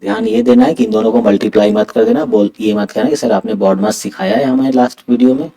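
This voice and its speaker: A man teaching an exam-prep math lesson, talking softly on purpose late at night at home and mixing Hindi with English. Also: lowish voice, steady tone, fast talker, poor audio. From India.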